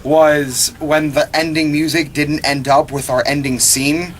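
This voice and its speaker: A teenage boy, a high school actor, chatting and joking in a casual interview. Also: steady tone, a little slow, a loud crowd. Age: teens. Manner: joking, teasing.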